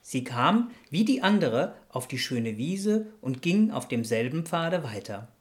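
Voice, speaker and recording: A woman narrating a fairytale radio play in a measured storytelling manner. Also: very deep voice, very animated.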